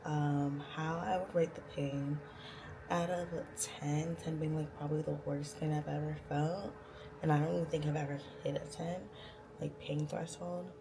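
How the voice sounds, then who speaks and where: Low-pitched, gravelly woman vlogging. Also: rough recording. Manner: informal, candid, slangy. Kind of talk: casual chat to camera.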